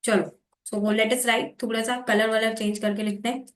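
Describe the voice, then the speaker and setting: A woman teaching exam preparation, explaining how to make notes and reading passages aloud slowly in a mix of Hindi and English. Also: a little high, level tone, reverberant. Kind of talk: explaining note-making while reading aloud.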